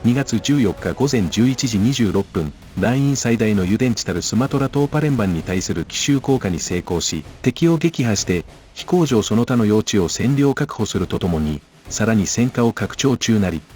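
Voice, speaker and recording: A man's voice: on the low side, animated, moderate pace, a little mellow, faint music behind. A man reading a formal wartime headquarters bulletin in the stiff, archaic manner of an old newsreel.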